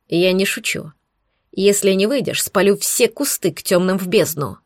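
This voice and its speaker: A woman voicing a commanding young male demon prince in an audiobook, stern and measured. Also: mid-range voice, dry recording, clean studio sound, natural voice. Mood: threatening.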